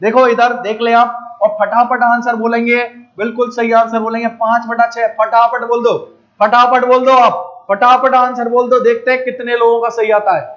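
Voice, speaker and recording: A man's voice: extremely high pitch, level tone, moderate pace, few pauses, a bit bright, lo-fi sound. A man teaching math in a live online class, coaxing students and checking again and again whether they understood. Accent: Rajasthani Hindi.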